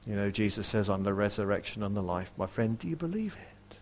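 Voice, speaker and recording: A man preaching a sermon in an earnest way, asking his listeners direct questions and dropping to a hush for quoted verses. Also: lowish voice, lively intonation, brisk, slight background noise. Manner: varies loudness widely, dropping to a near whisper for quoted verses.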